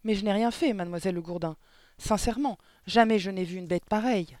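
A small, defiant schoolgirl, as a man reading aloud puts her on protests in a high, strained voice. The sound is dry and close to the mic. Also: expressive, fairly quick, a little mellow, no room sound. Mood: indignant. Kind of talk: audiobook character reading.

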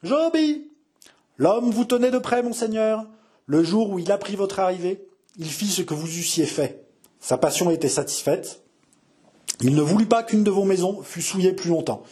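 A man's voice: high voice, animated, moderate pace, dark tone, slightly rough, pitched above the performer's own voice. Man doing Henri, a venomous noble brother. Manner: sly, mocking, hissing with hatred.

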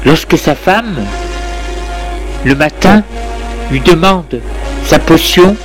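A man narrating a dramatic story in a deliberate, measured way. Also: on the high side, animated, music in the background.

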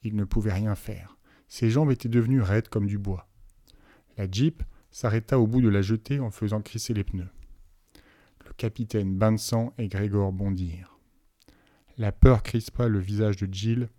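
A man narrating a novel aloud as an audiobook reader, telling the story in an even, measured way. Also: lowish voice, no echo, clean studio sound.

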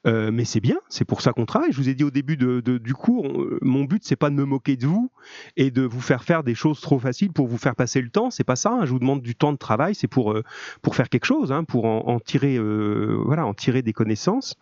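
A man's voice: medium pitch, lively intonation, fairly quick, darkish tone, dry recording, highs cut off. A man teaching a live online grammar class, encouraging and chatty with many fillers, heard over a video call.

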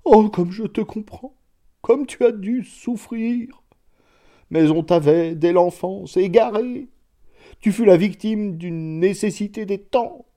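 A man's voice: mid-range voice, expressive, slow pace, vocal fry, long pauses, mellow, husky, voice pushed up, heavily acted. A man voicing a sentimental middle-aged bourgeois, a former mayor, speaking in an emotional, sobbing way in a storybook reading.

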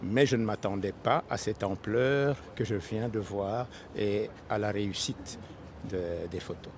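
An older man from Congo answers interview questions outdoors at a city station. He speaks in a measured, deliberate way. Faint traffic noise hums behind him. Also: fairly low pitch.

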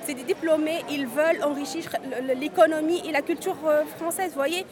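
Outdoors amid a crowd, an undocumented Tunisian migrant in her forties gives an interview at a street march. She has a high, steady, brisk voice and talks with earnest intent, frequently restarting and repeating words.

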